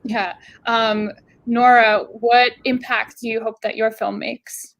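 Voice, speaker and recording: A woman originally from Bulgaria moderates a filmmaker Q&A with a slightly high voice. She talks hesitantly, filling pauses with ums and uhs. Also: level tone, a bit bright. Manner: hesitant, many fillers. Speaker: festival Q&A moderator.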